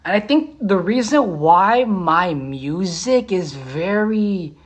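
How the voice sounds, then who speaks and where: A beatboxer and musician chatting casually on a livestream, repeating titles slowly and humming melodies. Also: mid-range voice, lively intonation.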